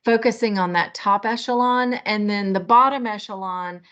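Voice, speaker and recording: A woman's voice: mid-range voice, fairly bright tone. Woman talking on a lo-fi meeting call. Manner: thoughtful, measured, with restarts. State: has the hiccups. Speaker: manager in a work discussion. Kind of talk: casual work meeting discussion. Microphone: video call.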